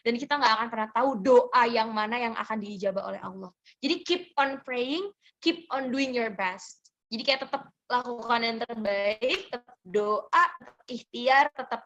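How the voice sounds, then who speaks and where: A young woman with a slightly high voice talks gently and reassuringly, like a motivational speaker answering listeners' questions. She slips English phrases into her talk and keeps a soft, encouraging tone. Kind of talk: motivational sharing session.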